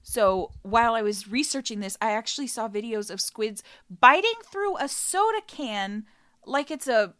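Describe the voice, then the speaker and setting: Woman podcast host, casual storyteller with a fairly high voice, chatty with laughing asides. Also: lively intonation, normal speed, fairly bright tone, clear, resonant tone.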